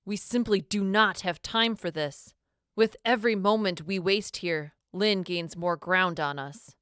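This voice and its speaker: A woman reading a storybook, voicing a calm, formal male leader who speaks in a measured, apologetic way. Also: medium pitch, smooth, no echo, clean studio sound, lightly acted.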